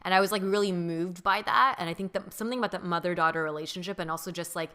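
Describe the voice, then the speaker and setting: A woman's voice: fairly low pitch, steady tone, fast, pushed and bright. A young woman co-hosting a podcast, reflecting thoughtfully in a casual chat with many fillers. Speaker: podcast co-host.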